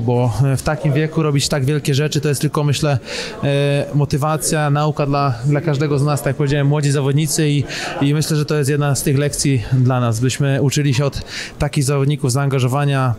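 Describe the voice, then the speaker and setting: Young male player, monotone post-match answers, lots of hesitation, handheld mic. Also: medium pitch. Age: young adult. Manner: halting, many fillers and restarts. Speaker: footballer. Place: stadium mixed zone by a sponsor wall. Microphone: handheld broadcast mic.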